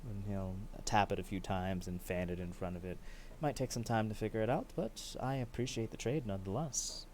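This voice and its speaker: A man playing a courteous scholarly mapmaker in a tabletop game, measured and soft-spoken, with a lowish voice. He speaks calmly and politely. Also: slight background noise, close to an everyday voice.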